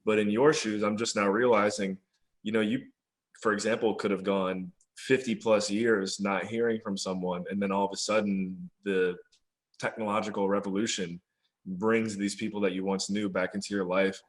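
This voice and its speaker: Young adult male host; easygoing, talkative interviewer, slightly low voice. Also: level tone, moderate pace. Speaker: podcast host. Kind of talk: casual interview.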